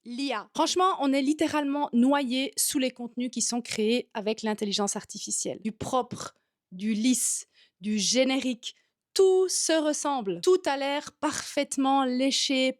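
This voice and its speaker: A woman with a Swiss French accent, a yoga teacher and content coach, talking straight to camera in a direct, lively way, addressing the viewer informally. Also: high voice, no room sound, clean studio sound.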